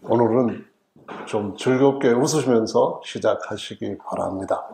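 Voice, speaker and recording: Low-voiced pastor in an echoey church. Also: male voice, unhurried, gravelly, mellow. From Chungcheong region, South Korea. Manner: humorous, folksy storytelling. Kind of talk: sermon. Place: church sanctuary. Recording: roomy church echo.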